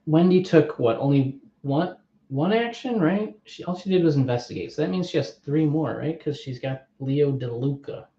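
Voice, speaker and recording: A man's voice: fairly high pitch, moderate pace, mellow. A man playing a board game on stream, thinking aloud, reading rules off the cards and asking his viewers for opinions. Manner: thinks aloud, reads card text, asks unseen viewers. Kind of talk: casual play-through commentary. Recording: muffled, echoey room.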